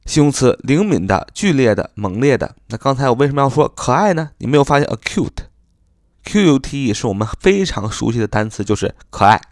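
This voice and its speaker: A man teaching English vocabulary in Chinese, slowly repeating each word and spelling it out letter by letter, speaking English with a Mandarin Chinese accent. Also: medium pitch, animated, no echo, studio quality. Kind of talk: spoken vocabulary lesson.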